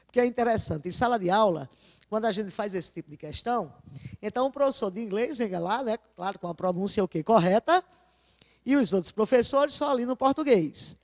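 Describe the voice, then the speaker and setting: A woman teacher going over exam answers in a video lesson, often asking her class rhetorical questions and slowly stressing key words. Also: medium pitch, animated, dry recording.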